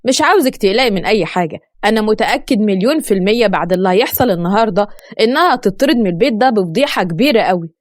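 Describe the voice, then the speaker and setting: A woman voicing a calm, scheming young man who reassures his accomplice in a low, conspiratorial way, in Egyptian Arabic. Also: racing, no echo, lightly acted. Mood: conspiring.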